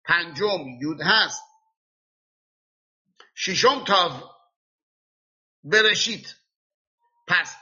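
A man teaching a religious lesson, explaining slowly and spelling out letters and sounds by example. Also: on the high side, pushed and bright, slightly rough, dull audio. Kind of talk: classroom lesson.

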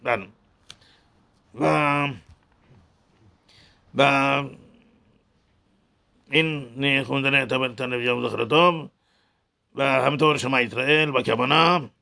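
A man teaching the correct pronunciation of a Hebrew prayer, talking haltingly and repeating words to model each sound. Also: mid-range voice, fairly even intonation, gravelly, pushed and bright. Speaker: religious teacher.

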